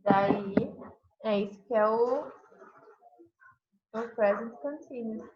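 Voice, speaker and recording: A woman's voice: fairly high pitch, slow pace, slight background noise. A woman with a Brazilian Portuguese accent, an English teacher explaining grammar step by step in a class and tagging "né?" onto her sentences. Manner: explains step by step, says "né?" constantly. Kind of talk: online class grammar review. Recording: dull lo-fi online class audio.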